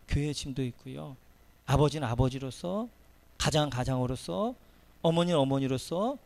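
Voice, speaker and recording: Impassioned high-voiced male pastor preaching. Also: creaky. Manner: impassioned, swings from soft to loud preaching. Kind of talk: sermon. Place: church sanctuary.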